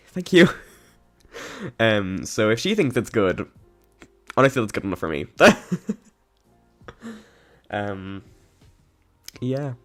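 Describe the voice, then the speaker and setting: A man with a hoarse, coughing voice gives a casual, rambling voice-over about a game build, with lots of ums, restarts and giggles. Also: fairly low pitch. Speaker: game builder narrating a speedbuild. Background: faint background music.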